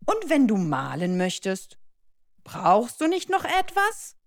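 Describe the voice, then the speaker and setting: A woman voicing a mother gently questioning her little son, in a storybook reading. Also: fairly high pitch, huge pitch swings, slow pace, no echo, studio quality, voice pushed up, full character voice.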